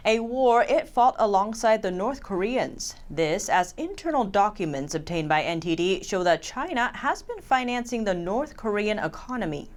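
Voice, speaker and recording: Female news presenter, scripted narration, average pitch. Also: sing-song, moderate pace, few pauses. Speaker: news anchor.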